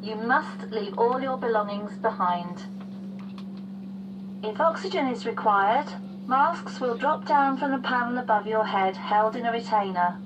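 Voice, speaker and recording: Female flight attendant, higher voice, formal scripted safety briefing, distant cabin speaker, clear background hum. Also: lively intonation, a little slow, muffled recording. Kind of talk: scripted airline safety announcement. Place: aircraft cabin.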